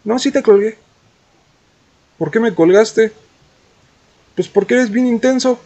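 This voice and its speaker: A woman's voice: a little high, unhurried, warm tone, pitched above the performer's own voice. A man mimicking a clingy, reproachful young woman. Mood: dismissive.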